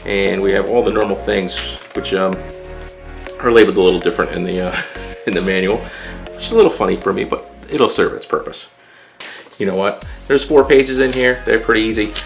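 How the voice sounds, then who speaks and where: A man's voice: fairly low pitch, brisk, gravelly, soft background music. A man reviewing DJ lighting gear in a casual, chatty vlog, thinking aloud as he sets up. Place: indoor room with DJ gear.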